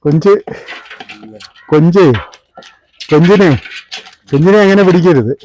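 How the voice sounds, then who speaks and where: Higher-pitched Malayali man vlogging over noise. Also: measured pace, darkish tone, poor audio. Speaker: fish seller and vlog host. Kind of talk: casual vlog commentary while handling live fish. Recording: clear background noise with clicks.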